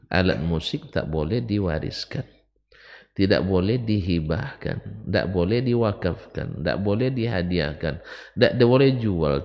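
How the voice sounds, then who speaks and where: Gravelly low-voiced man teaching religion. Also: muffled recording. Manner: conversational, recounts anecdotes with emphatic rising bursts. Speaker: Islamic teacher. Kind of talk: religious study lecture. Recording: long hall reverb.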